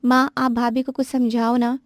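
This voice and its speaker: A woman's voice: on the high side, little pitch movement, moderate pace, no echo, studio quality, voice pushed up, close to an everyday voice. A woman voicing a young sister-in-law who nags and coaxes in a whiny tone. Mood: complaining.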